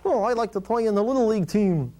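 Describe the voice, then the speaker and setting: A man voicing a cheeky, wisecracking boy ventriloquist dummy in a squeaky, eager puppet-show voice. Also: animated, fast, mellow. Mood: playful. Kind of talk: puppet show comedy patter.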